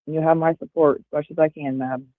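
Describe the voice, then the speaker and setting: A deep-voiced woman in her forties talks a little fast with fairly even intonation, dropping lots of fillers as she rambles. As a livestream guest she chats casually over earbuds on a call; the sound is tinny and phone-like, with no echo.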